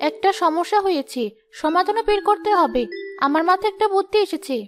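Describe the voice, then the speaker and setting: A woman voicing a bright, earnest village daughter. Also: extremely high pitch, expressive, a little fast. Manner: earnest, encouraging. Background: background music.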